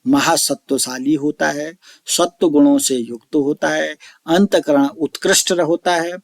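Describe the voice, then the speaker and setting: A man teaching an online lecture, slowly explaining each term and repeating it, reciting verse lines drawn out. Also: fairly high pitch, steady tone, dry recording, studio quality. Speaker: Sanskrit teacher.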